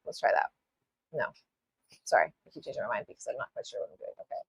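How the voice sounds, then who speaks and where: A woman with a low voice whose pitch moves a lot, talking through a live nail art tutorial. Her talk rambles, she apologizes often, and she swears now and then. The sound is dry and close. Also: expressive, quick pace, vocal fry, slightly rough, dry recording. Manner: casual, with mild swearing. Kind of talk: live-stream tutorial chat.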